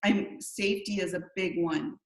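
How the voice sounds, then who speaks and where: A woman coaching a group over a video call, explaining in a relaxed way with hesitant restarts. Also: lowish voice, normal speed, echoey room, poor audio.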